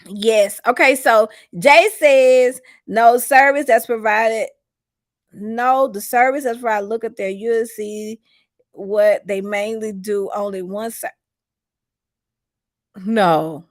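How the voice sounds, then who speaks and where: Woman host, casual gossip livestream, animated, chatty, addresses the audience directly. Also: a little high, slow pace. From Mississippi. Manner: animated, laughs often, drawls and talks to viewers.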